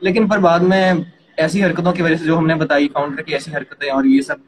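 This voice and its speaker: Young man, rapid animated chat, fairly high voice, noisy background. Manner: rapid, animated, addresses partner as yaar and bhai. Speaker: co-host explaining startups. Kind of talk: casual explanatory chat.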